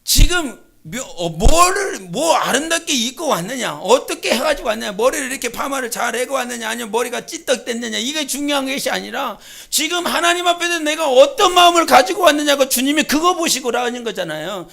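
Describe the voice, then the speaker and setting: A woman pastor preaching a sermon at an evening church service. She moves between soft storytelling and shouted exhortation. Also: high voice, lively intonation, a little fast, gravelly, hardly any pauses.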